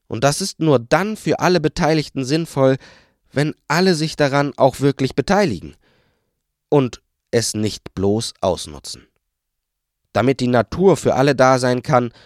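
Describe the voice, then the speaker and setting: A man voicing a wise, passionate male forest sage who lectures and is quick to indignation. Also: medium pitch, no echo, clean studio sound.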